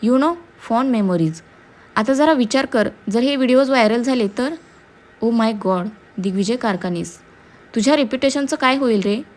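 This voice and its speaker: Woman voicing a vengeful young woman in a storybook, taunting and cruel, fairly high voice, mocking drawl. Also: moderate pace, a little mellow, lightly acted. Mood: gloating. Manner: taunting, sing-song mockery mixed with English.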